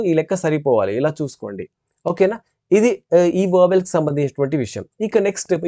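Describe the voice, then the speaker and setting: A man with a Telugu accent giving a step-by-step phonetics lecture, repeating sample sounds slowly. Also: a little high, warm tone, no echo. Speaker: English teacher.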